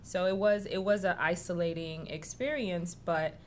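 A woman's voice: fairly low pitch, steady tone, normal speed, slight background noise. A woman from Haiti, raised in New York City, a restaurant co-founder candidly telling her story as a guest. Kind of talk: casual interview chat.

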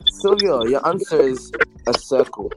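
A man's voice: medium pitch, animated, measured pace, over loud music. A man hosting a podcast quiz over a phone call, reading riddles with lots of hesitant fillers and teasing bickering. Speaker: podcast host, quizmaster. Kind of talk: casual group chat, reading riddles.

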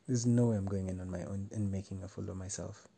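A man reading a first-person story aloud in a measured, wry way. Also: low-pitched, steady tone, vocal fry, warm tone. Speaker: narrator.

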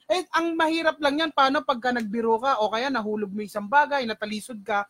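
A man's voice: very high voice, fairly quick, fairly bright tone, dry recording. A man co-hosting a casual podcast chat, reading out viewer comments and joking along. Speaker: podcast co-host.

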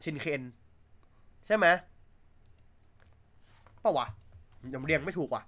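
A man's voice: fairly high pitch, animated, slow, a bit bright. A man chatting casually on a livestream, blunt and crude, joking, with many filler sounds. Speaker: streamer.

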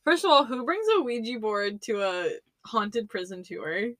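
A young woman co-hosting a podcast, chatting casually with relaxed, agreeable asides. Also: mid-range voice, normal speed, no echo, studio quality. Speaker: podcast co-host. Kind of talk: casual chat.

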